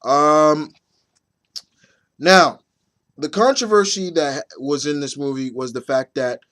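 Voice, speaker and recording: A man in his thirties, mildly under the weather with a nagging cough, gives viewers a casual, halting movie review, repeating phrases for emphasis. His voice is slightly raspy, fairly high and a bit bright.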